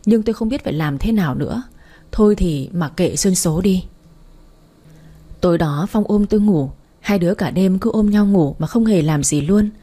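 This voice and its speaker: A woman narrating a first-person love story aloud in a plain, even storytelling manner. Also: on the low side, normal speed, slightly rough.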